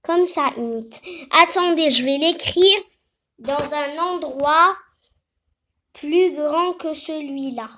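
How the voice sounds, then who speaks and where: A child playing teacher, patiently explaining how to write a letter and often pausing to think mid-sentence. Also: high voice, bright, forceful tone. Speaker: pretend teacher. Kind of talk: playful home lesson on writing letters.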